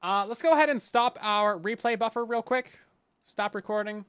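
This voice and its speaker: A man's voice: high-pitched, normal speed, a bit bright, clean tone. A man chatting casually with his live chat while he plays a game, playful and laughing often. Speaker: game streamer. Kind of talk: casual live-stream gameplay commentary.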